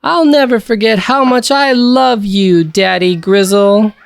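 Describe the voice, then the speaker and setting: A man voicing an eager, forgetful little bear cub in a picture-book reading, in a high, squeaky voice. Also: fairly even intonation, a little slow, creaky, faint music behind. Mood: earnest.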